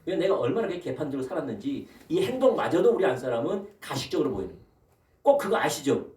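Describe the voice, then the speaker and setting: The echo of a church hall fills this recording, taken from a distant mic as a pastor delivers a lively sermon in the sanctuary. He speaks quickly in a slightly high voice, firing rhetorical questions at the congregation and calling out for amens.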